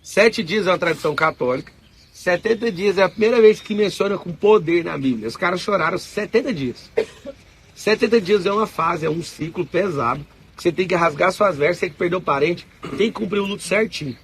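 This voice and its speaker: A man with a Brazilian Portuguese accent giving a casual spiritual talk to an audience, telling stories in animated, slangy speech. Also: high voice, fairly quick, a little hiss or hum. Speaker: spiritual speaker.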